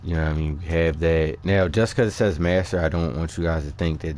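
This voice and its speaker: Over captured gameplay, a man with a low voice gives informal, somewhat hesitant commentary on a game build, chatting as if to his regulars. He speaks a little fast with fairly even intonation and a slightly mellow tone, recorded as a mic voice-over.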